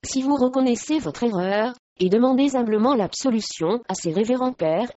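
A woman's voice: fairly high pitch, lively intonation, moderate pace, mellow, natural voice. A woman reading the part of a hard-hearted nobleman moved to pity, speaking kindly but with authority. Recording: dry, slightly muffled recording.

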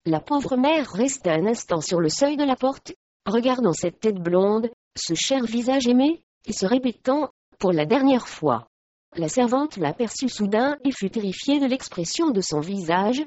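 A woman narrating an audiobook in an even, measured reading voice. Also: fairly high pitch, no room sound. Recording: dry, slightly muffled recording.

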